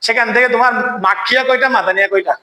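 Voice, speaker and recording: A male recitation teacher with a high, bright voice, quizzing his class question after question. He keeps checking whether the students have understood. The sound is roomy and echoing. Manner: chants verses slowly when demonstrating recitation. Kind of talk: classroom tajweed lesson.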